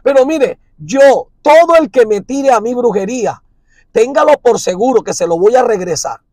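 A man preaching a sermon as an apostle, forceful and repetitive with emphatic repeated phrases. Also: very high-pitched, expressive, moderate pace, no echo.

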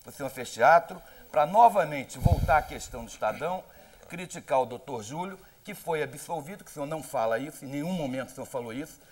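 A man's voice: on the high side, expressive, fast talker, a little mellow. A man with a Brazilian accent, a journalist pressing a guest with combative, insistent questions in a heated televised debate. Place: television studio.

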